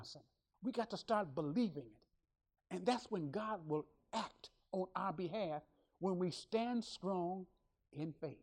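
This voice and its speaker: Woman preacher, emphatic, repetitive, call-and-response sermon. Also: medium pitch.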